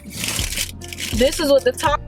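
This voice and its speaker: Upbeat woman vlog host with a fairly high voice, laughs easily and leads the talk, light music behind. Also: takes it slowly. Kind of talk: casual mukbang chat.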